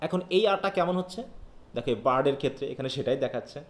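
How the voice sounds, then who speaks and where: Patient teacher explaining phonetics, echoey room. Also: male voice, mid-range voice, animated, very fast. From Bangladesh. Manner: explains patiently, often checks if students follow. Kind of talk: live online phonetics class.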